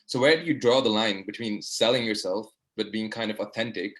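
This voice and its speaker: A medical student in his young adult years asks an earnest, wandering question over a video call, leaning on plenty of fillers as an audience participant in an online discussion. He sounds lowish and fairly bright, and talks a little fast.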